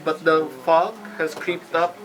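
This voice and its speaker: A man narrating a live tabletop game as game master, halting and suspenseful. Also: fairly high pitch, level tone, fairly bright tone, low-quality recording.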